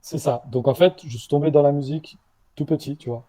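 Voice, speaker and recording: A man with a slight leftover stutter, a startup founder answering interview questions in a halting way, with many restarts. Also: a little high, fairly even intonation, warm tone, poor audio. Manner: halting, with restarts and repeated words.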